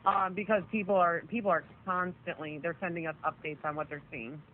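Crowd noise sits behind a woman whose fairly low voice stays steady in tone as she talks a little fast. Calling in on a jail phone line, she chats casually and swears a lot, all over a noisy, narrowband telephone connection.

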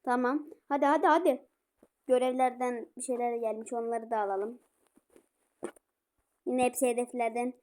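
A woman playing a football video game, commenting and shouting at her players. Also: a little high, steady tone, normal speed, long pauses. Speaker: gaming streamer.

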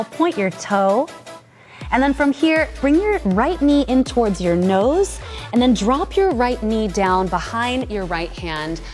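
A woman's voice: on the high side, a little mellow. A woman in her thirties, a fitness trainer, guiding a yoga flow with encouraging, upbeat cues in a large indoor gym studio. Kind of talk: guided yoga instruction.

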